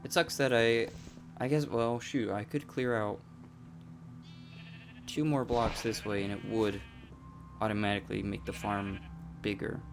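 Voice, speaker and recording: A man with a raspy, allergy-hoarse voice giving casual gameplay commentary, thinking aloud and correcting himself as he goes. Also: fairly low pitch, fairly even intonation, a little slow, pauses often. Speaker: gameplay channel host. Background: loud music.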